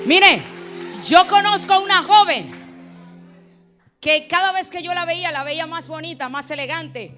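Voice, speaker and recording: A woman pastor preaches in a very high, bright, forceful voice. She drops to near-hushed, intimate talk, then builds into shouted, rhythmic crescendos. Faint music plays beneath her. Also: measured pace, pauses often. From Dominican Republic. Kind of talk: fiery Pentecostal sermon. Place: church congress. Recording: music playing behind.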